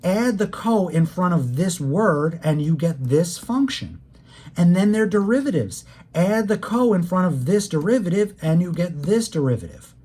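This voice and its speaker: A math instructor delivering a recorded calculus lecture in a mellow, warm voice. The teacher talks plainly and directly to students, explaining each step with patience and leaning on key words to make them stick. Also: medium pitch, animated, normal speed, breathy edge. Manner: plain conversational teaching, speaks straight to students.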